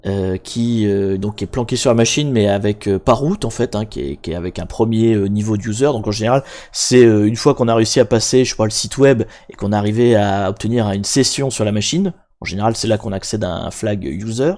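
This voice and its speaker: A man's voice: on the low side, brisk, hardly any pauses, a little mellow. A young man hosting a live stream, chatting casually and rambling with many fillers and self-mocking asides. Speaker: livestream host. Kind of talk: casual live-stream chat explaining hacking.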